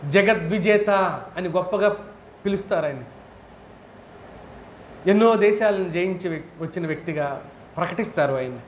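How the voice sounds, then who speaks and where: A man's voice: sits high, normal speed, long pauses. A man preaching a sermon, firing rhetorical questions and rising into emphatic outbursts. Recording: echoey hall with faint ambient noise.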